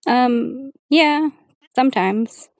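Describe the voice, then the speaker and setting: A woman's voice: high voice, drawn-out words, no echo, rough recording. Hesitant woman in a dry, close recording. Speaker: client at a private reading. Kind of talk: casual conversation.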